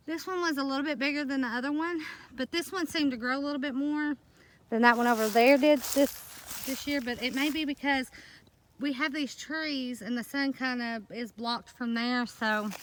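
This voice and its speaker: A woman's voice: on the high side, noisy background. A woman chatting casually in a rambling vlog, laughing often. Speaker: homesteading vlogger. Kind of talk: casual walk-and-talk vlog.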